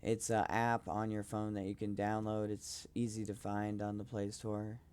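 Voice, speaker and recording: Young male podcaster, smooth clear voice, hesitant and self-promoting, flat delivery. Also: lowish voice, normal speed. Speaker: rapper hosting his own podcast. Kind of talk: casual solo podcast talk.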